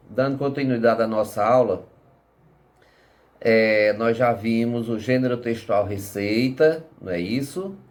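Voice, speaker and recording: A male teacher talks children through a recorded lesson. He speaks slowly and patiently in a mid-pitched voice. He keeps pausing to check in with them through short tag questions.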